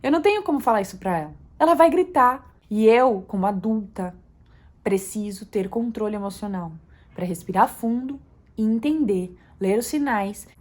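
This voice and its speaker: A young Brazilian mother with a Brazilian Portuguese accent, talking to camera in a calm, soft-spoken, reflective way that rises at times to earnest emphasis. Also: mid-range voice. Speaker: mother vlogger.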